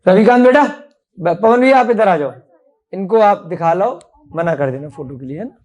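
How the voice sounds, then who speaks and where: A woman's voice: fairly low pitch, animated, moderate pace, darkish tone, highs cut off. A woman teaching a class, drilling words and asking the pupils questions.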